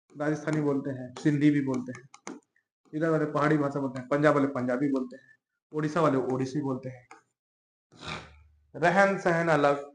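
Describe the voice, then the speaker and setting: Teacher with a higher voice, echoey room. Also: male voice. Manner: conversational, repeats questions to the class. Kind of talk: classroom lecture.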